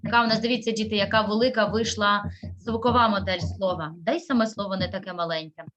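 Woman teacher walking little kids through a word, slow and patient, kinda lo-fi sound. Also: medium pitch, fairly even intonation, fairly bright tone, faint music behind. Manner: patient, drawn-out sounding of syllables. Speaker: primary school teacher. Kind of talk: online class teaching.

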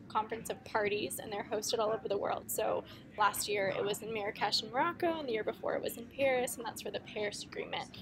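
A young woman in her twenties, a student chatting with many ums as she explains things on a camera held at arm's length inside a big conference hall. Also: a little high. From United States. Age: 20s. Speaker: student reporter. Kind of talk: casual video update to classrooms. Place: indoors at a large conference hall. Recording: noisy conference hall background.

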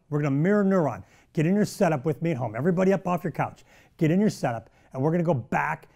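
An energetic middle-aged man teaches golf straight to the camera, his voice pitched high yet mellow in tone. He talks in punchy bursts and throws in sound-effect words as he demonstrates. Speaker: golf instructor and show host.

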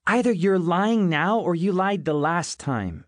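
A woman's voice: sits low, sing-song, moderate pace, dry recording, clean studio sound, voice pushed up. A male audiobook narrator voicing a harsh, blunt young woman who teases and mocks crudely. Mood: accusing. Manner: mocking and crude.

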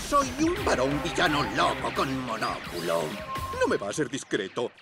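An actor with a European Spanish accent playing an unhinged, pompous, ranting villain baron in a cartoon dub. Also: male voice, mid-range voice, huge pitch swings, normal speed. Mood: indignant. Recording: loud music behind the voice.

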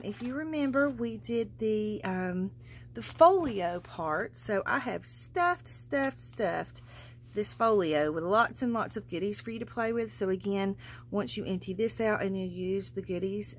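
This craft seller talks through her handmade journal page by page in a mid-range voice, a little slowly, casual and gushing with lots of fillers. The overhead camera at her indoor craft table keeps her off-screen, and there's slight background noise.

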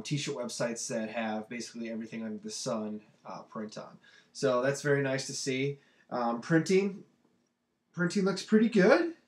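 Young man, congested from a cold, casual review chat, filler-heavy, echoey room. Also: mid-range voice. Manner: loose and chatty with many ums. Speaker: t-shirt review vlogger.

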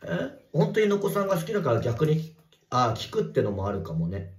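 A man livestreaming from a bathroom, reading viewer comments in casual chat and swearing at commenters in a rough, teasing way. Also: fairly high pitch, wildly swooping pitch, brisk. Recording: echoey bathroom.

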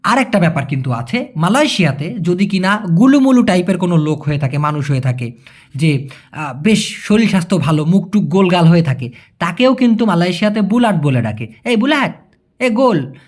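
Coaxing man with a lively voice. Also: high-pitched, fairly quick. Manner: repetitive, coaxing, checks understanding often. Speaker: language teacher. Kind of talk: explaining Malay vocabulary to viewers.

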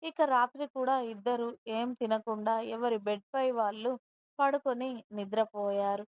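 A woman narrating a scripted story in a steady reading voice. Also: fairly high pitch, moderate pace, clean tone, dry recording.

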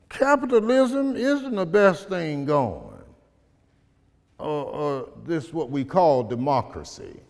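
Speaking in a somewhat high voice, a middle-aged poet and community speaker mixes storytelling with recited spoken-word poems. He takes his time, phrasing carefully, pausing dramatically, then rising to loud emphasis in the poetry. The audio, taken by a distant camera in a big, bright indoor hall with tall arched windows, is colored by the large room's reverb.

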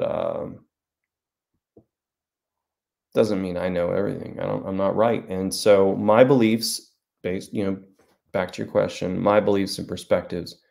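With a low, slightly mellow voice and some vocal fry, a forty-something author chats on a casual livestream from a small home room. He talks into his desk webcam, rambling and poking fun at himself as he answers viewer comments.

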